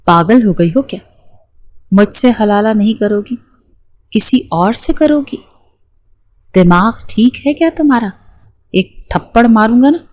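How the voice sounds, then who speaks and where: A woman's voice: fairly low pitch, a little mellow, natural voice. A woman voicing a bossy, hot-tempered young groom in an audiobook, taunting and scolding.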